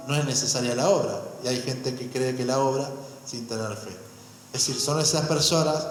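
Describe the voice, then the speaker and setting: A man's voice: fairly high pitch, a little hiss or hum. A man preaching a sermon as pastor, calling out amens and asking the congregation questions. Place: church hall. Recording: very echoey hall, faint music.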